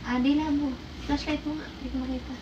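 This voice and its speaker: A woman's voice: high-pitched, little pitch movement, fast, lo-fi sound, noisy background. A woman from the Philippines hosting a casual phone livestream, playful and teasing, often breaking into laughter. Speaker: livestream host. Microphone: phone mic.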